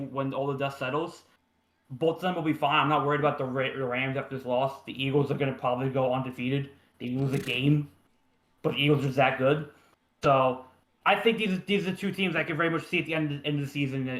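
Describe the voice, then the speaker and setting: A man's voice: mid-range voice, bright, forceful tone, echoey room. A man co-hosting a sports podcast, chatting casually with frequent restarts and filler words. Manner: stammering restarts, lots of "like" and "right?".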